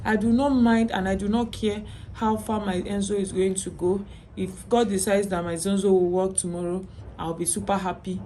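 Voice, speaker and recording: A woman's voice: medium pitch, fairly even intonation, moderate pace, dark tone, slight background noise. A Nigerian woman vlogging as a mother, talking earnestly to her viewers and often checking in with "okay?". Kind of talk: personal vlog to camera.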